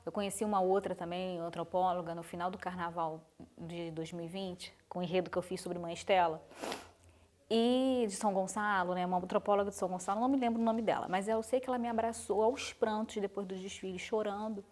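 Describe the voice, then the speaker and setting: A woman's voice: mid-range voice, fairly even intonation, fairly quick, darkish tone. A woman from Brazil, a guest in an interview, telling her story in an earnest, reflective way. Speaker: guest, carnival designer. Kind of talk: interview conversation.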